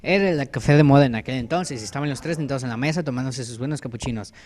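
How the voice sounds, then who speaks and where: A man's voice: medium pitch, fast talker, a little mellow, a little hiss or hum. A man with a Mexican accent casually improvising a children's story as he draws, joking and correcting himself as he goes. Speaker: narrator. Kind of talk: improvised storytelling while drawing.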